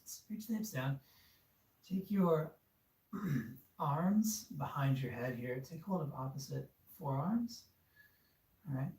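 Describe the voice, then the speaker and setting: A man leads a yoga class in a mellow, easygoing voice, cueing each move with casual encouragement. He stands some way from the mic, and the room adds a noticeable echo around his words. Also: on the high side, slow pace, pauses often. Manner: relaxed, encouraging, with fillers. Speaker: yoga instructor. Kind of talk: guided yoga class instruction. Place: studio room. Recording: echoey room, far from mic.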